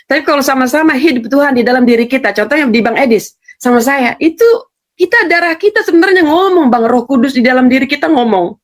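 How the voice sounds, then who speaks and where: A woman speaks in a somewhat high voice, telling her own story earnestly. She talks conversationally and keeps turning to address the interviewer. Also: lively intonation, fast. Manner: earnest storytelling, addresses host often as Bang. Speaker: guest giving testimony.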